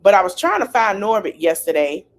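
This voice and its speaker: An animated woman hosting a podcast in casual chat. Her pitch sits in a middle range, and she often jumps into acted-out quotes. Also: brisk, slight background noise. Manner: animated, laughs, acts out quotes. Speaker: podcast host.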